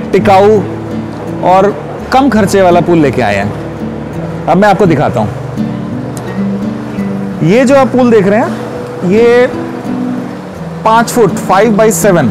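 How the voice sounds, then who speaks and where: High-voiced man pitching at an exhibition. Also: rough recording. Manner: confident, persuasive, gestures while explaining. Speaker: pool company representative. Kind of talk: sales pitch at a trade stall. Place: large indoor exhibition hall.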